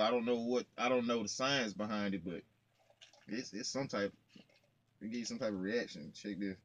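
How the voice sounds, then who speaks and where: A man's voice: mid-range voice, no echo. Slangy, playful young man in a truck. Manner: slangy, playful, talks straight to viewers. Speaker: trucker vlogger. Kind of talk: casual vlog chat. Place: parked truck cab, indoors, small.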